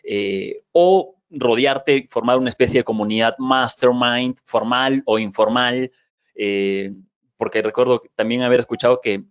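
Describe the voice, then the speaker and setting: A male interviewer asks long, winding questions, pausing and restarting often. His voice sits mid-range. The recording is dry and dull. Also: medium pitch, smooth, dry recording. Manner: hesitant, many fillers and restarts while framing questions. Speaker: podcast interviewer. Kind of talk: conversational interview.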